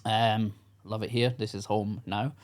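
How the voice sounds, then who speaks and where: A middle-aged man from Scotland speaks as a podcast guest in a low-ish, flat, unhurried voice. He coaches construction workers and chats casually in the interview, earnest and frank, with lots of fillers and restarts.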